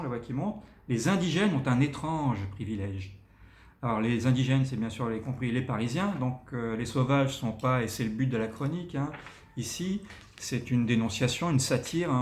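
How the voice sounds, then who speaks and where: Male teacher, mid-pitched voice, reads lines with big swoops up and down, pauses to explain, roomy echoey recording. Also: slight background noise. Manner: demonstrates readings with big rises and falls in pitch; many fillers and checks with listeners. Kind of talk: explaining text intonation to learners.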